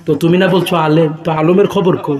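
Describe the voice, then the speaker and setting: A man preaching a Bengali waz sermon, swinging between chatty asides and loud sing-song chanting, calling out to the crowd for responses. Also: on the high side, steady tone, quick pace. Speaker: Islamic preacher at a religious gathering. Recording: echoey public address with a crowd.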